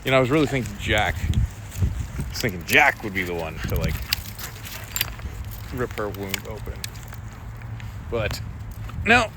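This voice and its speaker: A man's voice: on the low side, sing-song, measured pace, pauses often. A man giving a casual, rambling update to his viewers as a pet vlogger, talking outdoors. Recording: outdoor ambient noise.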